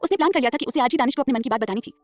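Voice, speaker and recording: Female narrator, high, very fast, brisk audio-drama storytelling. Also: darkish tone, no echo, faint music behind.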